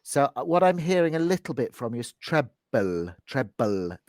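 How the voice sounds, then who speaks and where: A man with a modern British accent, pitched a little higher than average, gives a one-to-one pronunciation lesson. He is encouraging and instructive, carefully modelling each sound. The recording is very dry, with hardly any room sound. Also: fast, darkish tone, no echo. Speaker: pronunciation coach.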